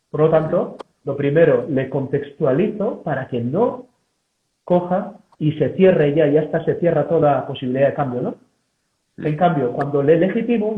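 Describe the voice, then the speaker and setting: A male psychologist explains his approach in a didactic way, tossing in little check-ins with his listeners. His voice sits a bit high for a man. The audio is thin and phone-like, with a roomy echo around it. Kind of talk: explanatory interview talk.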